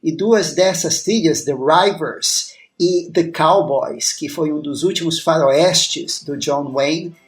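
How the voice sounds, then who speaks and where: Slow, hesitant man. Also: on the high side. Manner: slow, hesitant, many drawn-out fillers. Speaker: podcast co-host. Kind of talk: casual film music discussion.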